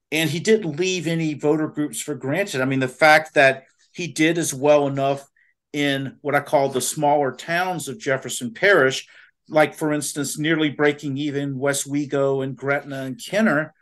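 A man, a political analyst laying out his points one by one in an animated way. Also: a little high. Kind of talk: analytical commentary.

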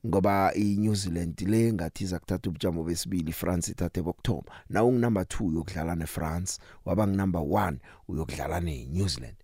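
A man's voice: low voice, quick pace, few pauses, dark tone, slightly rough, no room sound, clean studio sound. A South African man hosting a radio sports talk show, speaking emphatically and rhetorically with strong opinions.

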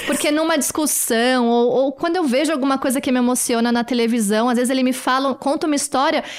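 A woman with a Brazilian Portuguese accent co-hosting a talk show, chatting in an expressive, personal way. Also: sits high, fast talker. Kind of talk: casual chat.

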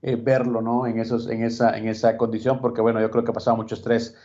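A man co-hosting a casual boxing talk show, reflective and steady, often tagging his points with a question. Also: mid-range voice, fast talker. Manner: reflective, steady, frequent "¿no?" tags. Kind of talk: casual sports chat. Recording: dull lo-fi recording.

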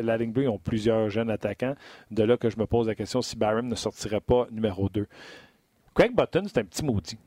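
A man's voice: mid-range voice, a little mellow, dry recording. A man with a Québécois French accent hosting a hockey draft talk show, chatty and full of hesitations. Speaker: sports radio host.

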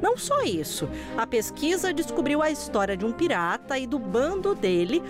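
A woman narrates a documentary segment in a bright, higher voice whose pitch leaps around. Her delivery is scripted and lively, like a reporter telling a story. Music plays clearly behind her.

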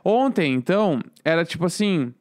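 A man, co-hosting a podcast and telling a rambling, animated story in casual chat. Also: high-pitched, normal speed, no echo, studio quality. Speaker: podcast co-host.

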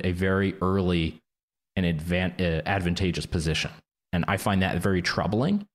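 Deep-voiced man explaining tech policy. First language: not English, speaks three languages. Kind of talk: policy discussion.

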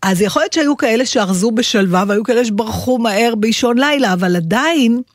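A woman's voice: on the high side, animated, no room sound. Talkative woman thinking aloud. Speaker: radio co-host. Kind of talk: casual talk-radio discussion.

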